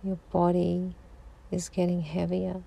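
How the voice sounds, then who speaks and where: A woman guiding a sleep meditation in a slow, soothing voice that drifts into whispers. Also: on the low side, completely flat delivery, creaky, mellow, breathy edge. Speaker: sleep hypnosis guide.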